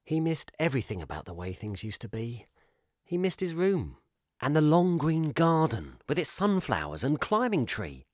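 A man narrating a children's storybook in an expressive, measured way. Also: on the high side, no echo, clean studio sound.

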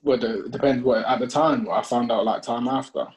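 A man's voice: mid-range voice, a little fast. A young man with a London roadman accent in casual chat, slangy and repeating phrases for emphasis. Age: young adult.

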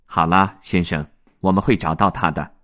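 A man voicing a calm, polite duck butler in a children's story, speaking in a soothing, steady way. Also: low-pitched, moderate pace, voice pushed down.

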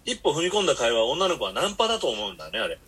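A man's voice: mid-range voice, wildly swooping pitch, rapid-fire, a loud crowd. A man hosting a podcast, telling long rambling stories in blunt casual chat. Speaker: podcast host.

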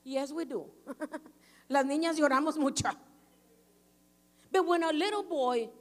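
A woman pastor preaching a sermon in an emphatic, declaring manner. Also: high voice. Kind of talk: bilingual sermon. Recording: long echo of a large hall.

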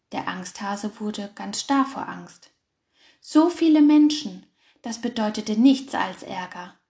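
A woman's voice: mid-range voice, darkish tone. A woman narrating a children's story, reading expressively.

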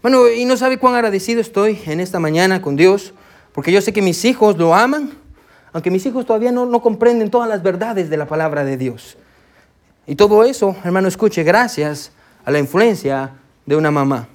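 A high-voiced man in his thirties preaches to his congregation from the pulpit. He speaks in an easy, conversational way, scattering "amen" and "brother" through his sermon. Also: expressive, brisk. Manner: warm, conversational preaching with frequent "amén" and "hermano". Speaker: pastor. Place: church sanctuary.

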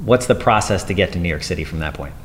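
Fast-talking and expressive, this low-voiced podcast host keeps a casual interview chat upbeat, showering his guest with playful compliments. His words ring out with a long reverb tail.

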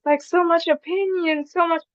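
A young woman with a high voice chats as a podcast guest, stringing thoughts together in long run-on sentences. Her audio sounds dull and lo-fi, with a dry, close sound. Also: fairly even intonation, normal speed, no room sound. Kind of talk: casual chat.

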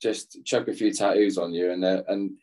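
A young former footballer from England chats casually as an interview guest, rambling and often laughing at himself. His low-pitched voice has a dark tone and stays steady at a moderate pace.

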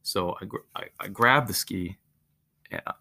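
A young man hosting a podcast on his own, telling a story in a monotone, casual way with faint guitar music behind. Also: low-pitched, moderate pace, vocal fry. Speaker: podcast host.

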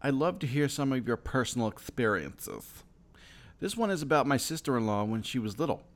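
A man's voice: mid-range voice, big pitch swings, brisk. A man co-hosting a casual podcast and reading out listener stories in an easygoing way. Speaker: podcast co-host.

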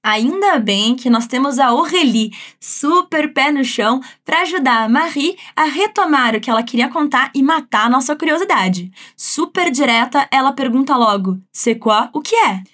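Professora brasileira animada e aguda. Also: female voice, sits high, lively intonation, moderate pace, hardly any pauses, a bit bright. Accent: Brazilian. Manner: upbeat, chatty, encouraging. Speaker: French teacher. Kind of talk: language lesson.

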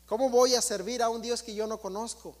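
Man, preacher, high voice, emphatic and repetitive sermon, lingering reverb of a church hall. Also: fairly even intonation, brisk. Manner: emphatic, repetitive, keeps addressing the congregation.

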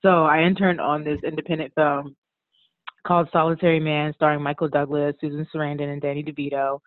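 A woman's voice: deep voice, brisk, no echo. A woman from the Washington DC area, a costume designer guest, chatting casually with lots of "like" and "um". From Washington DC area, USA. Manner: relaxed, chatty, frequent "like" and "um", laughs often. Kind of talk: casual conversational interview. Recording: tinny phone-like line, dry.

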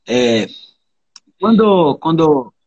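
Husky-voiced man in his thirties, earnest. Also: on the high side, big pitch swings, extremely slow, darkish tone, no room sound, muffled recording. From Brazil. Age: 30s. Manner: earnest, reflective, tags lines with questions. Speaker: interviewee, capoeira practitioner. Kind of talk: casual interview conversation.

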